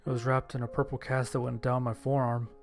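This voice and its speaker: Soft music plays behind a man voicing an injured survivor who recounts his own ordeal, horror audio drama style. The medium-pitched, level-toned delivery is brisk and lightly acted, scripted and descriptive with somber mood and offhand swearing.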